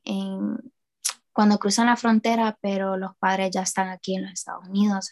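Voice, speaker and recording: Guesting on a casual interview, a young adult student and project founder from New Orleans, USA, talks hesitantly, with fillers and false starts. She has a darkish tone in a mid-range voice.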